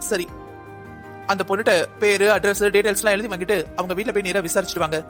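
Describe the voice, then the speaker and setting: Man doing bossy cartoon inspector, talks super fast and kinda high, music behind. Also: fairly even intonation, fairly bright tone. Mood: commanding. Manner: firm, commanding. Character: stern male police inspector, the team's boss. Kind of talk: cartoon dubbing.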